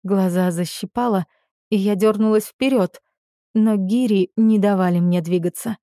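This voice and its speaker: A woman's voice: mid-range voice, steady tone, moderate pace, mellow, no room sound, studio quality. A woman narrating a first-person novel as an audiobook, with intimate, emotional storytelling.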